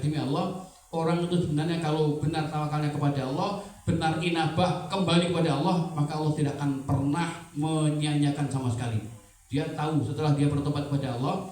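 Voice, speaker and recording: A man's voice: fairly high pitch, darkish tone. A man preaching a sermon, telling a story and often turning to address the audience. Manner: storytelling with frequent asides to the audience. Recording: echoey hall, voice from a distance.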